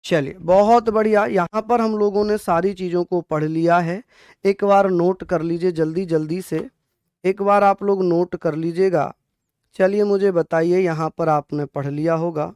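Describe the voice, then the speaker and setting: A man's voice: sits high, fairly even intonation, unhurried, a little mellow, clean tone, dry recording. Man, teacher, exam-prep lecture, resonant voice, repetitive, dry close recording. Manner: repetitive, addresses students as bhaiya; asks questions and answers them himself.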